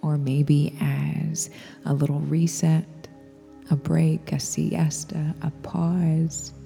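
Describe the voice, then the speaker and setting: In a level, whispery spa voice that is soft, breathy, very mellow and low, a gentle female instructor guides meditation. She speaks extremely slowly and soothingly, trailing into long reverb above faint music.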